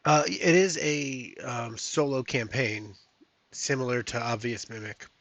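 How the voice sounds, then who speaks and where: A man's voice: medium pitch, unhurried, fairly bright tone, no room sound. A man streaming a solo tabletop game, reading rules and chatting casually to viewers, thinking aloud with many fillers. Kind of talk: casual live-stream chat.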